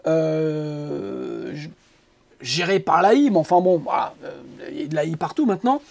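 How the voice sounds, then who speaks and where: Male producer host, mellow tone, halting casual tutorial delivery full of fillers. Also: fairly high pitch, animated, vocal fry. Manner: rambling, halting with many fillers and repeated words; joking asides. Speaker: music producer teaching audio mixing.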